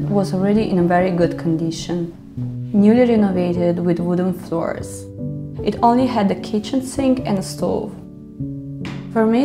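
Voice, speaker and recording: A woman from Ukraine who grew up in Italy, speaking as she calmly explains her home as an interior decorator. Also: fairly low pitch. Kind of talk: home tour narration.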